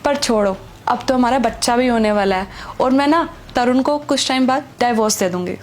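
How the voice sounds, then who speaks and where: A woman's voice: a little high, fairly quick, a little hiss or hum, lightly acted. A woman acting a pregnant married woman secretly in love with another man, pleading and defensive. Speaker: actor. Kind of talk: Hindi web skit acting.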